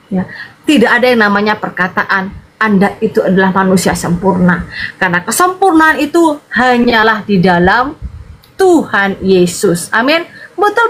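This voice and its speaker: A woman evangelist from Madura, preaching in an animated livestream sermon and greeting her viewers by name, with a loud, sharp voice. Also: a little high. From Madura, Indonesia.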